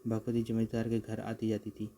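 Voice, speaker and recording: Male narrator for an animated comic, steady and flat, faint hiss underneath. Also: on the low side, a little fast. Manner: steady storytelling.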